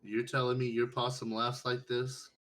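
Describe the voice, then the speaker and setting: A man's voice: medium pitch, completely flat delivery, normal speed, fairly bright tone, natural voice. A man voicing an exasperated, foul-mouthed little gnome girl who talks down as if to a child, on a clipping mic. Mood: indignant. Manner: blunt, condescending, simplifying as if for a child.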